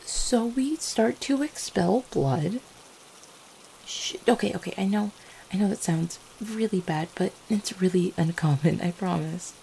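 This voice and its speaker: Acted by a woman, this devoted vampire girlfriend from an ASMR roleplay has a low, mellow tone with gravelly creaks at its edges. Flustered yet reassuring, she talks at a moderate pace, tender, soft-hearted and slightly hesitant, brimming with affection. Rain falls faintly and steadily under the poor audio.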